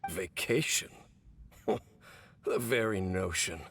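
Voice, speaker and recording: Weary, ailing game swordsman: low, gravelly, gruff, solemn and measured. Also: fairly bright tone, heavily acted. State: weakened, coughing. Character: weary, grave, mysterious male swordsman, sick.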